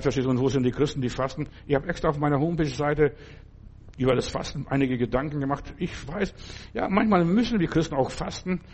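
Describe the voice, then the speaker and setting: A man's voice: mid-range voice, a little mellow, slightly rough. An older male preacher delivering a loose, conversational sermon, often stopping to ask whether the listener understands. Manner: conversational, keeps asking "verstehst du?".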